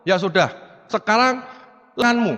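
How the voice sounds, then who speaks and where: Man doing calm god voice from above, a bit lower, echoey. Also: normal speed. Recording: long hall reverb.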